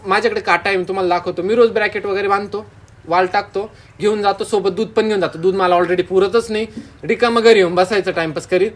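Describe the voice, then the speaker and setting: A young man from Dindori, a farmer, talking in a casual interview and telling lively stories about his customers. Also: high-pitched, quick pace. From Dindori, Maharashtra. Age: young adult. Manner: lively storyteller, acts out customers' remarks.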